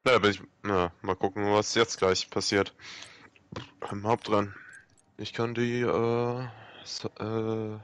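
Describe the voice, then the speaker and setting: A young man in casual gaming chat, haltingly repeating words as he thinks aloud. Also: fairly low pitch, flat delivery, clear, resonant tone, dry recording. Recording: voice chat over loud car-game noise.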